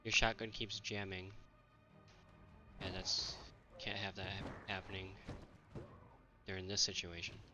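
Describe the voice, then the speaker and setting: A man's voice: sits low, flat delivery, unhurried, long pauses, bright, forceful tone, faint music behind. A man streaming a co-op game, chatting casually and urgently directing a teammate. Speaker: streamer playing a co-op zombie game. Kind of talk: casual gameplay chat.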